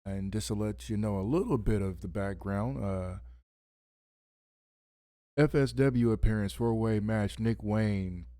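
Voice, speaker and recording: A man's voice: lowish voice, measured pace, long pauses, mellow, no room sound, clean studio sound. A man hosting a late-night wrestling podcast from home, speaking in a radio-host style with casual fillers. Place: home at midnight.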